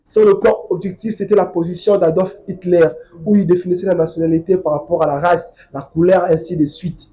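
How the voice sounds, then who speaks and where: A man's voice: sits high, fairly even intonation, fairly quick, mellow. A man from Congo, a legal researcher, lecturing in a studio political debate and insisting on finishing his point. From Democratic Republic of the Congo.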